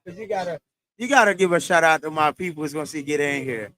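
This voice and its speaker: A man's voice: on the high side, fast, fairly bright tone. A man hosting a casual live stream, repeating his phrases and now and then switching into Spanish. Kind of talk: casual live chat with shout-outs. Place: outdoors in a beachside parking lot.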